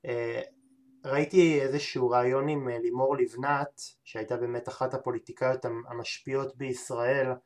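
Male podcast host, mid-pitched, hesitant and halting, constantly filling pauses and restarting. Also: little pitch movement. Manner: hesitant, many filler sounds and restarts. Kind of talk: interview conversation.

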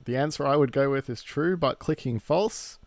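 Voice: medium pitch, moderate pace, darkish tone, dry recording, clean studio sound. A podcast co-host, running a quiz in a laid-back, chuckling way. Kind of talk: casual chat.

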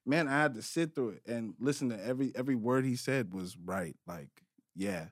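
A man's voice: mid-range voice, expressive, brisk, no echo, clean studio sound. A man co-hosting a casual podcast chat, talking animatedly and repeating phrases for emphasis between laughs. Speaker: podcast co-host.

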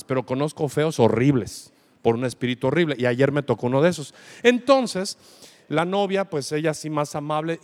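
A man with a Mexican Spanish accent preaching a sermon, telling stories and acting out the people in them. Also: fairly high pitch. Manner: animated storytelling, acts out customers' voices. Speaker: pastor. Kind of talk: sermon with personal anecdotes.

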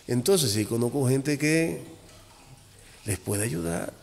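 A man, a voodoo priest, talking as a podcast guest, animated, acting out little dialogues and repeating phrases. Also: medium pitch, takes it slowly, creaky, a little hiss or hum. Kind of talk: casual podcast talk. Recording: long echoey reverb.

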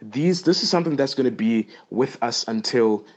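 A man's voice: mid-range voice, animated, moderate pace. A teenage boy, a little out of breath, rambling impulsively as he explains things in a casual podcast monologue recorded on his phone. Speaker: podcast host. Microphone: phone voice note. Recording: dull lo-fi phone voice memo.

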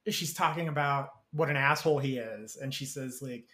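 A man's voice: mid-range voice, moderate pace, bright, forceful tone, echoey room. A man as a podcast guest, chatting casually and agreeably about films. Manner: agreeable, frequent yeahs and laughs. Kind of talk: casual film discussion.

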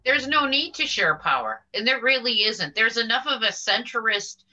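A woman's voice: a little high, animated, normal speed, sharp tone, low-quality recording. A woman guest in a casual political talk, speaking emphatically and asking pointed rhetorical questions. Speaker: guest commentator.

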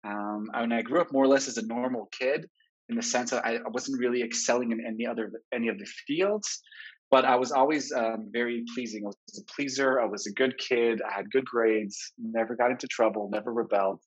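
A man in his forties from Israel, a therapist giving a webinar talk, telling his own story in a candid, reflective way, heard through low quality webinar stream audio. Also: fairly quick. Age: 40s. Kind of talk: personal storytelling lecture. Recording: dull lo-fi webinar recording.

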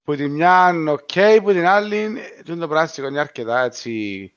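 A man's voice: fairly high pitch, clean tone, no room sound. A man with a Cypriot Greek accent in a casual chat, mixing English words into his speech. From Cyprus. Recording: dull lo-fi sound.

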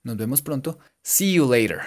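A man giving a casual, joking English lesson and repeating English words slowly for his students. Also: mid-range voice, expressive. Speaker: English teacher. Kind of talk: casual bilingual language lesson.

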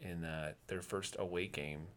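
Man, podcast co-host, laid-back, hesitant, joking, lowish voice. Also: fairly even intonation, a little slow, a little hiss or hum. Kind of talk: casual sports chat.

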